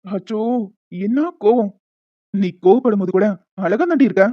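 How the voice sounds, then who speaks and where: A woman's voice: mid-range voice, animated, normal speed, dry recording, close to an everyday voice. A woman voicing a smug, scheming young man who taunts and teases in a cartoon. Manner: taunting, teasing. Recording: dull lo-fi with music behind.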